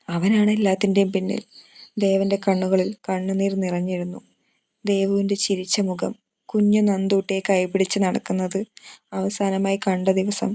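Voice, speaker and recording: Lady narrating a love story, friendly to viewers, level tone, some creak. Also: mid-range voice, dark tone. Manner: friendly direct address to viewers.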